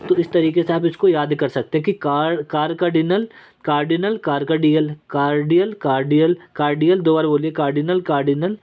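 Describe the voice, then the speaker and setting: Man with a slightly high voice, casual exam vocab teacher, chatty and self-deprecating, close mic. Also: steady tone, normal speed, phone-quality sound. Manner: chatty, repeats key words and checks in with "okay?"; self-deprecating while drawing on screen. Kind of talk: casual Hindi-English exam lesson with mnemonics.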